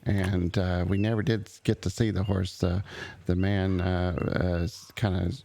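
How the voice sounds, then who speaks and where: A man in character in a roleplay game, talking slowly and haltingly with many ums. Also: low-pitched, flat delivery, creaky, warm tone, a little hiss or hum. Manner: halting, full of uh and um. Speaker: roleplay streamer playing an old relative.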